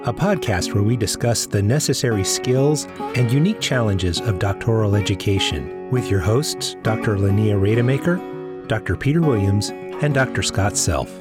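A man's voice: fairly low pitch, expressive, normal speed, over loud music. A man hosting an academic podcast, reading the introduction and leading the interview. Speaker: podcast host.

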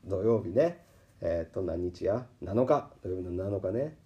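A man with a Kansai accent hosting a podcast, telling a story in a casual, animated way and acting out the people he quotes. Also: low voice, measured pace, muffled recording. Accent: Kansai Japanese. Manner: animated, acts out quoted voices. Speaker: podcast host. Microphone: podcast microphone.

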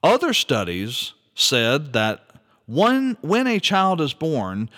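Man talking slow and earnest, voice goes up and down a lot, asks rhetorical questions, long hall reverb. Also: medium pitch, fairly bright tone. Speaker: speaker commenting on an article. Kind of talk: reflective monologue.

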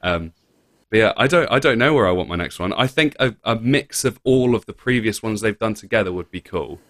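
A young British man in casual chat, relaxed and rambling with lots of fillers and restarts. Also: on the low side, a little fast, dry recording, studio quality.

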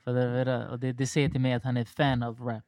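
A man from Stockholm hosting a casual podcast chat, laid-back and slangy, talking in quick bursts. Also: medium pitch, level tone, darkish tone, dry recording, studio quality. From Rinkeby, Stockholm, Sweden.

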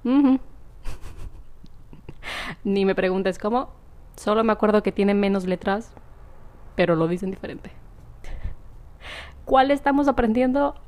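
A woman's voice: mid-range voice, a little slow, pauses often, darkish tone. A young woman, chatting casually to camera, rambling and laughing often. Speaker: vlogger.

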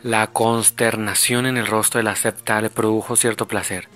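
A man reading a novel aloud as an audiobook, giving the characters' lines a lively, raised voice. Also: lowish voice, moderate pace, faint music behind. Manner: reads expressively, voicing characters' lines with raised voice. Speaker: reader.

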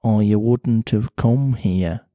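A man voicing a slow, sly, grinning male cat with a Mancunian accent, low and drawling. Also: dark tone, dry recording, studio quality.

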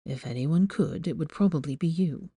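Woman voicing a hoarse, tired young wizard. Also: normal speed, warm tone, no room sound, studio quality, full character voice. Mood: tired teasing. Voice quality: hoarse, low murmur. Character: young male wizard, wounded, tired, teasing.

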